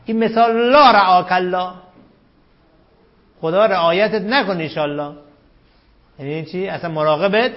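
A man teaching a grammar class. He reads quoted lines slowly and loudly, questions the students and calls them "sir" and "dear". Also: high voice, dull audio. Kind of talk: classroom lesson, reading a text aloud and explaining it.

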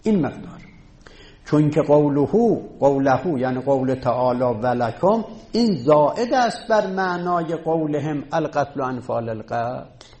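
A man's voice: medium pitch, a little mellow. A man teaching a class, explaining step by step and counting items aloud. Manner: takes student questions. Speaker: teacher of Arabic rhetoric. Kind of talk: classroom lecture.

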